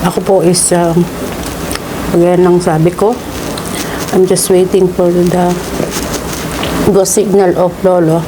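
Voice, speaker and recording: A Filipino woman vlogger chats casually in a slightly low voice. She speaks slowly and haltingly, leaving gaps between phrases. Clear ambient noise runs behind her. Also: level tone. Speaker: vlogger hosting a mukbang. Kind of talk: casual vlog chat with shout-outs.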